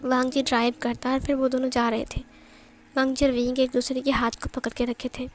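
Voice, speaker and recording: Woman reading out a fanfic story, plain and even, faint music behind. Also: high voice, a little fast. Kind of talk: casual fan-fiction narration.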